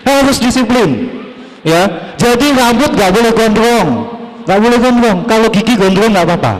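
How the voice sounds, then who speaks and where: A young man from Java performing a stand-up comedy set on a TV stage, telling stories with animated energy and acting out dialogue. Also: very high-pitched, moderate pace. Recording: reverberant stage hall.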